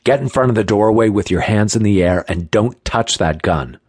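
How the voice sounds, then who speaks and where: A man voicing a wounded undercover cop who gives low, clipped orders through clenched teeth. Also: moderate pace, a little mellow, husky, no echo, studio quality. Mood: commanding. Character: tough male undercover cop, wounded but commanding.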